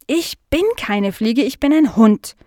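A woman voicing an eager, easily indignant young female dog in a children's audio story, speaking high and loud. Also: lively intonation, normal speed, no room sound, studio quality, natural voice. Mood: insistent.

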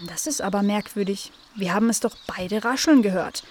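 A woman's voice: medium pitch, normal speed, darkish tone, a little hiss or hum, lightly acted. A woman voicing a sensible, friendly young female dog in a children's story, explaining things patiently.

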